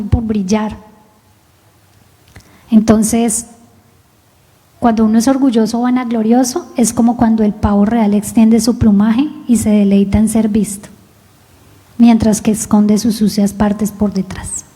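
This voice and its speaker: Woman preacher, lively storyteller, mellow tone, long hall reverb. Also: on the high side. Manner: storytelling, lively and self-mocking. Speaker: pastor. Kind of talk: sermon. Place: church service in a rented hall.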